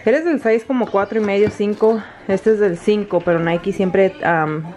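A woman's voice: mid-range voice, normal speed, warm tone, faint music behind. Chatty young woman vlogging at home. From Mexico. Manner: switches between Spanish and English mid-sentence; chatty, laughs often. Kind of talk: casual vlog chat.

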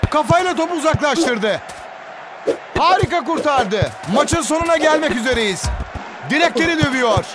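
A man voicing an excitable football commentator in a video game, with screaming, exclamatory calls. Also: very high voice, moderate pace. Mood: keyed-up. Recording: game music and crowd noise behind. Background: music and stadium crowd.

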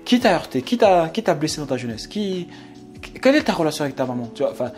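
A man talks straight to his viewers in a loose, chatty monologue. His voice sits a little high, and he slips into quick impressions of other people as he goes. Soft music plays quietly under him. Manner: animated, acts out quoted voices, laughs often. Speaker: YouTube channel host. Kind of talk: casual monologue to camera.

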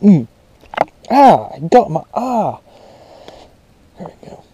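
Young man, lively excitable pond-fishing vlogger, action-cam mic, faint outdoor noise. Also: high-pitched, takes it slowly. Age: young adult. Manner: excitable, shouts with joy over big catches. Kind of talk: casual vlog narration while fishing. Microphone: chest-mounted action camera.

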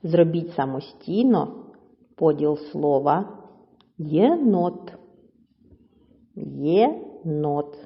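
A woman teacher giving a slow, clear lesson to children, stretching words out syllable by syllable. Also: sits low, animated. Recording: dull audio with long reverb.

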